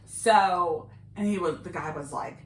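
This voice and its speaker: This middle-aged podcast host shares travel stories in a casual, conversational way, voicing the dialogue with animation. She speaks a little slowly in a lowish voice, against roomy echo and noticeable background noise.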